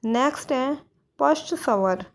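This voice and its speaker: A woman's voice: sits high, animated, slow pace. A woman teaching a grammar lesson for exam students, posing questions and answering them herself, with English words mixed in. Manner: mixes English words into Hindi.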